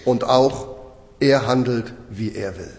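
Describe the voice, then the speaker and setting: Emphatic preacher in an echoing hall. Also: male voice, medium pitch, a little mellow. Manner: emphatic, slowing for stress, asks the listeners rhetorical questions. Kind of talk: sermon. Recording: echoey hall with long reverb.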